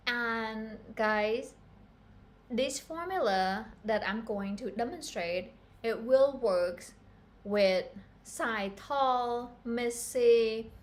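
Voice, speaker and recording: Speaking straight to her live-stream audience, this Cambodian pattern-making instructor gives an earnest, conversational tutorial. Her pitch is fairly high, and a faint hiss or hum runs under the recording.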